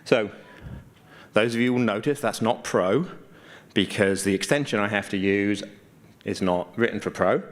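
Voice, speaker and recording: A GIS mapping consultant gives an informal conference presentation, explaining things conversationally with dry, understated humor. His voice runs on the low side, at a moderate pace with long pauses.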